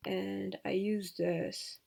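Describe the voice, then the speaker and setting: A woman giving a casual software tutorial, thinking aloud with hesitant fillers and dropping to soft mutters as she works. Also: medium pitch, little pitch movement, extremely slow, gravelly, slight background noise. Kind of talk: screen-recorded tutorial.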